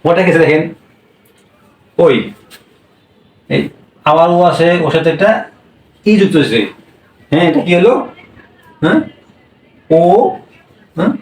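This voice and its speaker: A man's voice: a little high, a little slow, pauses often, echoey room, recorded from a distance, rough recording. A man teaching a language class, drilling sounds with repeated questions. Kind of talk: classroom lesson.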